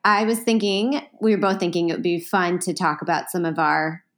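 A woman's voice: fairly low pitch, steady tone, brisk, a bit bright. A woman co-hosting a podcast, chatting casually, asking questions and laughing along. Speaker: podcast co-host. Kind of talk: casual chat.

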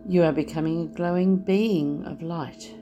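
A woman leading a guided meditation, speaking softly and soothingly as she talks the listener through relaxing the body. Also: fairly low pitch, fairly even intonation, lo-fi sound, slight background noise. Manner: slow, soft and soothing. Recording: soft music underneath.

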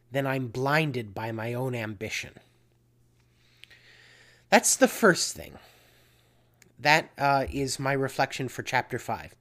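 Casting: earnest, unhurried faith talk host with a lively, rising and falling delivery. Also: mid-range voice. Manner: slow, earnest, repeats key phrases. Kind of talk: spoken spiritual reflection.

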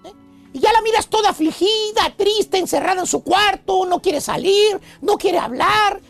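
A man voicing an excitable male love professor who lectures in a theatrical, slangy radio comedy monologue. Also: extremely high pitch, normal speed, gravelly, faint music behind, heavily acted. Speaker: radio comedy host character.

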